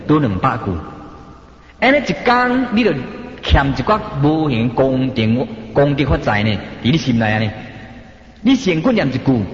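Brief: male Buddhist preacher, Taiwanese Hokkien accent, lively delivery, muffled sound in a reverberant hall. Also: medium pitch. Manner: chanting, slow and rhythmic. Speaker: Buddhist teacher. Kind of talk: sermon. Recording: dull, echoey hall.

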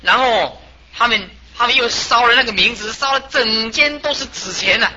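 A high, very bright male voice belongs to a Buddhist master giving a storytelling sermon. He is animated and chuckles along the way. The lo-fi recording sounds dull and has a faint hiss behind it. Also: normal speed.

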